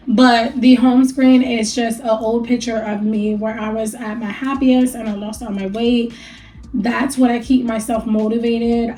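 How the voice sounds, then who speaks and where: A young adult woman with a slightly high, warm voice talks casually to camera in a candid weight-loss vlog, captured on a rough recording. She's chatty and encouraging and laughs now and then, though she sounds a little stuffy from allergies after a rough night.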